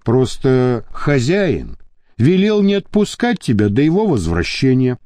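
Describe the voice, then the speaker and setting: Brief: male narrator as a wry, mocking henchman in an audiobook, lecturing, mellow voice, dry recording. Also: medium pitch, huge pitch swings, unhurried, no echo. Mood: placating. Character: sardonic reasoning male henchman.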